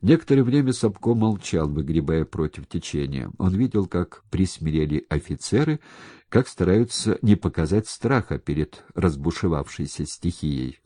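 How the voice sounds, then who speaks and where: A man reading an audiobook aloud, animated storytelling with a close mic. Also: deep voice, normal speed, no echo. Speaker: audiobook narrator.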